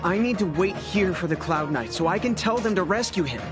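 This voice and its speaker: A worried young apprentice. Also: male voice, sits high, expressive, fairly quick. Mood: anxious. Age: young adult. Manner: worried, earnest, defensive. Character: anxious young male apprentice craftsman. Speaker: apprentice craftsman. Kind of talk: video game voice acting. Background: faint game music.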